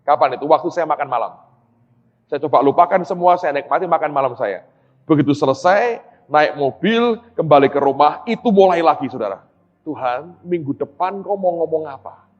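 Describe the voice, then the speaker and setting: A man's voice: on the high side, moderate pace. A middle-aged man preaching a sermon, telling stories and acting out conversations while addressing the congregation directly. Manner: animated storytelling, acts out dialogue, addresses audience as "saudara". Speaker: pastor. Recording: dull sound in a reverberant hall.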